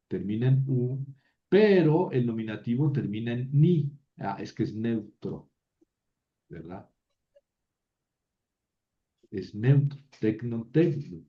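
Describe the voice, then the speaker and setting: A man's voice: medium pitch, highs cut off. A man teaching a biblical Greek class, reciting word forms aloud one at a time and explaining them to his students. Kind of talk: classroom lecture.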